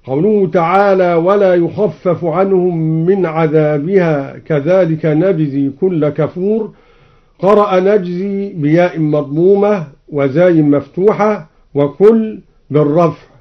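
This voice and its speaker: A man from Egypt explains variant readings of scripture in a measured, precise way and chants each example slowly, heard on an old radio recording. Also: fairly high pitch, muffled recording. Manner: measured, precise, switching between plain explanation and slow chanting. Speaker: Quran reciter and teacher.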